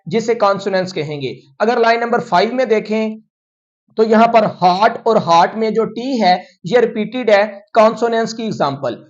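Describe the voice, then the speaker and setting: A male English teacher going through a poem line by line, explaining each example in a steady, methodical way and slowing down for definitions. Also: sits high, lo-fi sound. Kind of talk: line-by-line poem analysis lesson.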